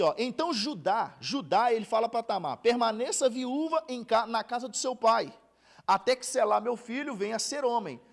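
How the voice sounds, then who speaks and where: A Bible teacher, his voice set high for a man and roughened by gravel. His pitch leaps about as he retells the scripture in loose, everyday words. He often restarts sentences and asks whether his listeners follow. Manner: retells scripture in plain slang with frequent restarts; checks in with listeners. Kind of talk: casual Bible class teaching.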